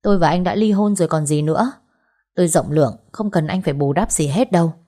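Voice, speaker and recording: A woman's voice: low-pitched, quick pace, warm tone. A woman reading as a cold, curt wife. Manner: cool, curt. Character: cold, proud estranged wife.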